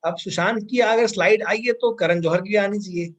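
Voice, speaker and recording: A man's voice: high-pitched, fairly quick, highs cut off. A man with an Indian accent teaching vocabulary in an online class, switching between Hindi and English and repeating words.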